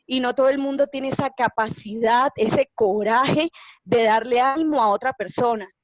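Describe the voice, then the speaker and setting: Woman, tearful, hesitant, emotional testimony, higher voice, dull lo-fi sound. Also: moderate pace, dry recording. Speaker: family member of a cancer patient. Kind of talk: personal testimony in a panel talk.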